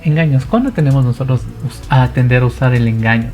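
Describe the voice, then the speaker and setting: Animated man teaching the Bible. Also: medium pitch, quick pace, faint music behind. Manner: animated, asks rhetorical questions and acts out quoted speech. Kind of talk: casual Bible study talk.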